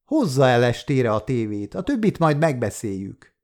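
Sly, greedy shopkeeper fence, probing, lively pitch, man reading.

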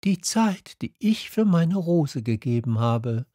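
A gentle little boy prince asks earnest, wondering questions in a raised, light voice, as a man reading the story puts him on. His tone swoops lively up and down, and the words come slowly. The recording is close and dry. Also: a little high, no echo, pitched above the performer's own voice, full character voice. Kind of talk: audiobook character voice.

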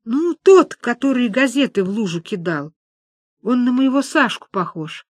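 A woman voicing a gentle old woman who pities the boy, reading a story aloud. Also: fairly high pitch, sing-song, normal speed, no room sound, pitched above the performer's own voice. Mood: soft-hearted. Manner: gentle, pitying.

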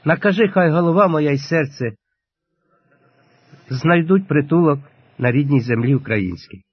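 A man voicing a penitent young male janissary captive, earnest and pleading, read in a husky voice on a lo-fi recording. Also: medium pitch, no room sound. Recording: lo-fi dull audio.

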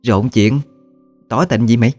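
A man voicing a gruff, teasing old woman ghost with a Southern Vietnamese accent and a blunt, folksy manner. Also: medium pitch, a little slow, darkish tone, soft background music, voice pushed up, close to an everyday voice.

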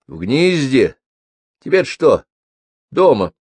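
A male audiobook reader voicing a lively, ironic young woman who is the story's heroine. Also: medium pitch, takes it slowly, husky, no echo, pitched above the performer's own voice, heavily acted. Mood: teasing.

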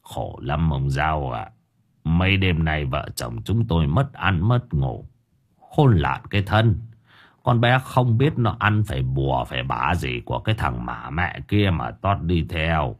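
A man voicing a fretful, lamenting old male market vendor who curses coarsely, in a husky voice. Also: rumbling low, animated, measured pace, voice pushed down, heavily acted. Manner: whining, lamenting, cursing coarsely.

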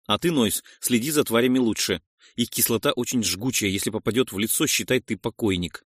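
A man's voice: medium pitch, fairly quick, breathy edge, dry recording, studio quality, natural voice. A man voicing a cocky young male arena prisoner who gives confident orders. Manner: confident, commanding. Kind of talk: audiobook reading.

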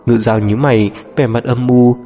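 A man narrating an audiobook novel in a steady, even storytelling manner. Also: mid-range voice, moderate pace, dull audio. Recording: long reverb with background music.

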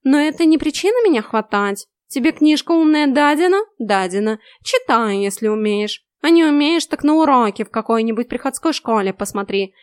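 A woman's voice: sits high, animated, moderate pace, hardly any pauses, clear, resonant tone, dry recording, clean studio sound, pitched above the performer's own voice. A woman voicing an arrogant, condescending old male house cat who talks down to everyone. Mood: mocking. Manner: sneering, condescending, snappy.

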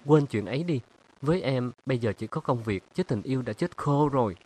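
A man's voice: mid-range voice, expressive, brisk, dark tone, husky, pitched above the performer's own voice. A man voicing a stubborn, weary young woman in an audiobook, with firm, defensive retorts. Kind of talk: audiobook character reading.

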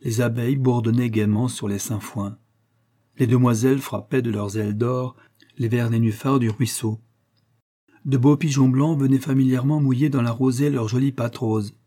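A man reading a story aloud in a measured, gentle narration. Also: mid-range voice, steady tone. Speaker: audiobook reader. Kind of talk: scripted narration.

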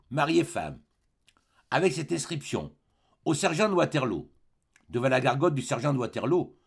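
A man reading a classic novel aloud as an audiobook, with expressive, dramatic narration. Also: mid-range voice, gravelly, husky. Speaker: audiobook reader. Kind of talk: scripted narration.

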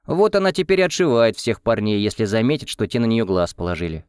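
A man reading an audiobook, voicing a gruff older husband who brushes off gossip and teases. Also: lowish voice, big pitch swings, a little fast, a little mellow, no echo. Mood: dismissive. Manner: dismissive, jokey.

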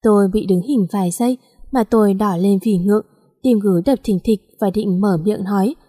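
A woman's voice: medium pitch, moderate pace, dark tone, breathy edge. A woman reading a first-person romance story aloud in a plain, conversational storytelling manner. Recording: long echoing reverb.

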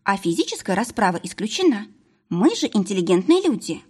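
A woman's voice: medium pitch, very animated, brisk, a little mellow, breathy edge. A woman voicing a sly, sardonic companion with a mock-casual manner, in an audiobook. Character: sardonic companion urging harsher punishment. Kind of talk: audiobook character voice.

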